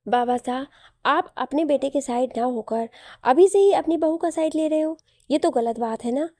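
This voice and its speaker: A hot-tempered young prince who protests and pleads with his father, as a woman storyteller plays him. Fairly high and mellow, recorded close and dry. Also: moderate pace, no echo, lightly acted. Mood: teasing. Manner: protesting, indignant.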